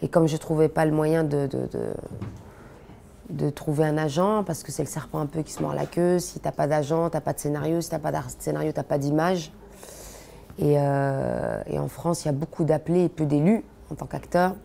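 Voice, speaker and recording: A woman in her thirties, born in Belgium, answering interview questions in a relaxed, chatty way with many fillers and restarts. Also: low-pitched, moderate pace, gravelly, slight background noise. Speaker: interviewee, comedian.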